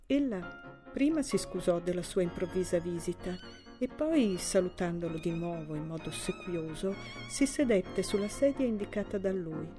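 A woman reading a literary story aloud as an audiobook narrator, in a calm and even storytelling manner. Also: lowish voice, moderate pace, music in the background.

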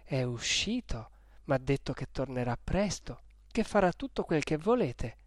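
A man reading aloud and voicing a gruff, nagging old woman servant. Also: mid-range voice, big pitch swings, measured pace, dry recording, clean studio sound. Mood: scolding. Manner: nagging, scolding.

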